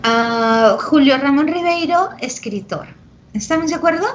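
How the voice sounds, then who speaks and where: A pre-university language teacher with a Peruvian Spanish accent holds an online class, explaining through examples, checking in with "¿ok?" and "¿de acuerdo?", and treating her students affectionately. Her voice is high-pitched and animated but a little slow, with soft background music under dull lo-fi audio.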